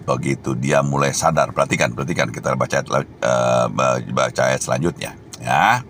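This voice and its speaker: A man's voice: rumbling low, normal speed, fairly bright tone, a little hiss or hum. A man preaching a sermon as an evangelist, tagging his phrases with "ya" and exhorting his listeners emphatically.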